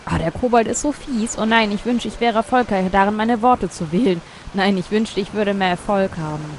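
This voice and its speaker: A woman's voice: mid-range voice, fairly quick, slight background noise. A woman giving casual let's play commentary, thinking aloud as she plays. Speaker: let's player. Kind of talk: casual game commentary, reading dialogue options aloud.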